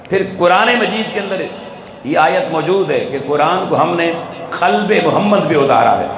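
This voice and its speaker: A man's voice: fairly high pitch, fairly bright tone, a little hiss or hum. A man with a Pakistani Urdu accent giving a sermon to a live audience, pressing them with rhetorical questions. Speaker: religious speaker. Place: event hall with an audience. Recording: echoey hall, faint ambience.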